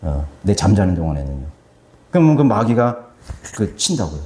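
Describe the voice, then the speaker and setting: A male pastor preaching a sermon with animated delivery, acting out quoted voices. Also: lowish voice, moderate pace, roomy sound. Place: church sanctuary.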